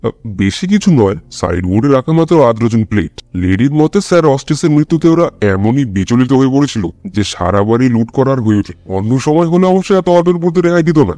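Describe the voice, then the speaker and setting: A man's voice: mid-range voice, lively intonation, brisk, mellow, no room sound, voice pushed up, lightly acted. A man voicing an eager male police inspector who answers in hesitant, deferential replies.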